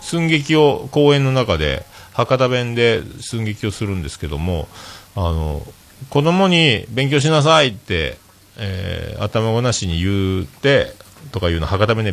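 A man's voice: lowish voice, gravelly. A man with a hosting a podcast, telling a story in a loose, rambling way full of fillers. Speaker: podcast host. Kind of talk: casual solo radio talk.

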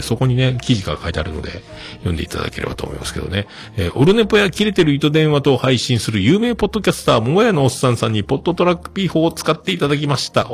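A middle-aged man hosting a casual solo podcast, reading listener messages and chatting with frequent laughs. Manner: chatty, laughs often, swoops up into high falsetto when demonstrating singing.

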